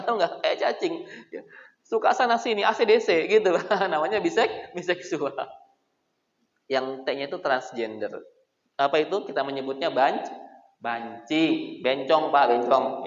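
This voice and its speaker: A man preaching a lively sermon, joking with his audience and calling out to them directly. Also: on the high side. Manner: animated, jokes with the crowd, addresses them as Pak. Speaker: Islamic preacher. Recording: echoey, dull hall recording.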